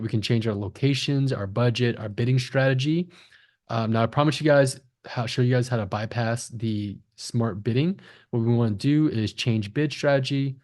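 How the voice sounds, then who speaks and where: A man with a mid-range, slightly mellow voice teaches online marketing and founded an agency; here he runs through a step-by-step screen-share tutorial. It's conversational, with frequent little check-ins like "right?" and "okay?".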